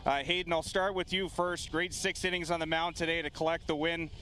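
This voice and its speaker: A man's voice: a little high, steady tone, a little fast, pushed and bright. A man working as a field-level sports reporter, doing a live post-game interview outdoors.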